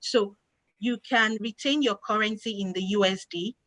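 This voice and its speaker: A woman's voice: medium pitch, moderate pace, fairly bright tone, no echo, rough recording. A woman, answering audience questions as an investment expert, patient and plain, stressing key words. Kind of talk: explanatory Q&A answers.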